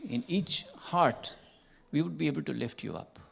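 A man's voice: a little high, creaky, fairly bright tone, husky. An older man, a church elder, leading a solemn congregational prayer and repeating "Lord" often. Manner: slow, solemn, measured praying with repeated "Lord".

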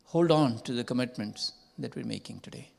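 A man's voice: mid-range voice, gravelly, darkish tone. An older man, a church elder, leading a solemn congregational prayer and repeating "Lord" often. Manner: slow, solemn, measured praying with repeated "Lord".

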